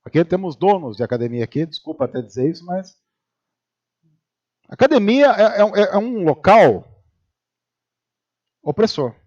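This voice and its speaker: A pastor from Brazil giving a humorous sermon in church, telling stories and acting out the voices of the people in them. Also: male voice, sits high, moderate pace, long pauses, dull audio. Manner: animated storytelling, acting out quoted voices.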